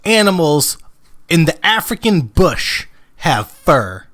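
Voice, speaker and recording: Young man, podcast co-host, fairly high voice, deadpan, provocative, foul-mouthed. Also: slow. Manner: provocative, deadpan, swears a lot. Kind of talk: casual chat.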